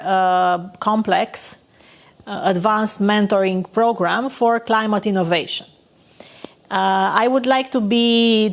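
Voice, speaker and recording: A woman from Romania, a company founder, hosting a podcast and speaking in a halting way with many fillers. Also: mid-range voice. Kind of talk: casual podcast conversation.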